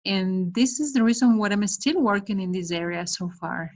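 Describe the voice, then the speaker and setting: A woman's voice: mid-range voice, moderate pace, darkish tone. A middle-aged woman from Ecuador, a guest on a video call from her home, explaining her work steadily with hesitant fillers. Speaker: guest, development project manager. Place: indoor room at home. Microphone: laptop webcam on video call.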